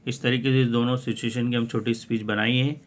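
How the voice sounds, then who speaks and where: A man's voice: medium pitch, flat delivery, a little fast, a little hiss or hum. A man teaching a lesson on an English poem, who reads English phrases and then explains each one in Hindi-Urdu.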